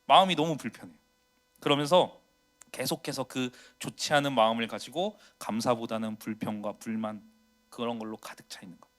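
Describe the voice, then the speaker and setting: A man in his thirties, a pastor preaching a confessional sermon, swinging from loud to hushed. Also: medium pitch, a little fast.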